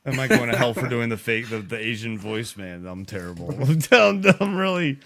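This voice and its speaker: A man co-hosting a casual podcast chat, excitable and quick to exclaim. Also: mid-range voice. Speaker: podcast co-host.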